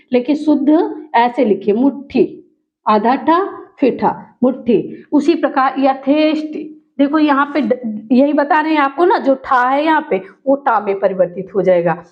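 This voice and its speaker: A woman teaching a spoken grammar lesson to students, repeating each word slowly and carefully to drill its pronunciation. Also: high voice, expressive. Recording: dull lo-fi recording.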